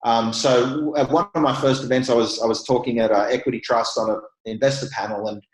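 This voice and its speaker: A man's voice: mid-range voice, fairly even intonation, fairly quick, reverberant, low-quality recording. A man with an Australian accent, a real estate investor chatting as a guest in a casual interview, laughing easily and restarting his sentences.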